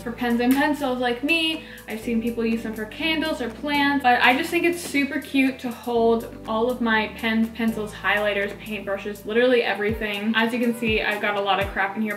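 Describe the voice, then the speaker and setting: A woman's voice: on the high side, a bit bright. A woman in her late teens chatting in a bubbly, casual haul-vlog style, with a slight lisp from a dental tray in her mouth. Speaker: video host. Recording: echoey room, music underneath. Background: background music.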